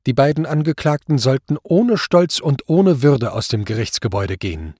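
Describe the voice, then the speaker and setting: A man narrating a novel in an expressive, dramatic reading. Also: medium pitch, moderate pace, no room sound, clean studio sound. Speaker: reader. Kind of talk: audiobook narration.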